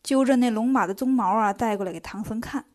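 Lady telling a story, high voice, chatty and lively. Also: fast.

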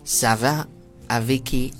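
A man's voice: mid-range voice, fairly even intonation, slow pace, fairly bright tone, faint music behind. A man hosting a casual lesson chat, playful and laughing often as he repeats phrases after his partner. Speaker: host.

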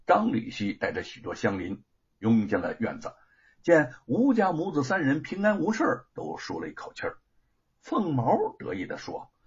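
Husky, animated male storyteller. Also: fairly high pitch, highs cut off. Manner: dramatic, animated narration. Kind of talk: traditional oral storytelling.

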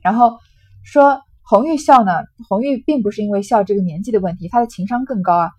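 A woman lecturer retells and explains passages of a classic novel in a relaxed, conversational manner. Her voice is mid-pitched with a husky grain. The recording is close and dry. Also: brisk, no echo. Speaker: literature lecturer.

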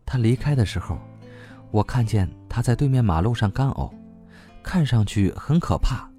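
A man voicing a sly young woman in an audiobook, teasing and needling in a soft voice. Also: medium pitch, expressive, moderate pace, faint music behind, natural voice. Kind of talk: audiobook reading.

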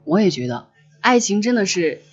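A woman's voice: mid-range voice, sing-song, normal speed, slightly rough, muffled recording, faint music behind. A woman hosting a livestream, chatting casually and reflectively and often restating her phrases. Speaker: livestream host. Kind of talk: casual reflective chat with listeners.

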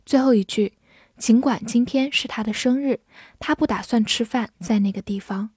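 A woman's voice: a little high, moderate pace, darkish tone, slightly rough, dry recording, studio quality. A woman teaching English vocabulary, saying each word twice and then giving its meanings, in scripted lesson narration.

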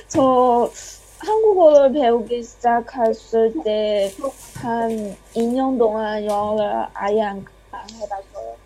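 A woman's voice: on the high side, slow, warm tone, slightly rough, low-quality recording. A young woman from China speaking Korean with a Chinese accent as an interview guest, hesitant and self-deprecating in casual chat. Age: young adult.

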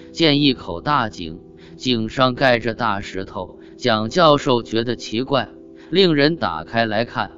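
Male storyteller, calm scripted narration, unhurried pace, muffled lo-fi sound. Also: medium pitch. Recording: dull lo-fi audio with faint guitar.

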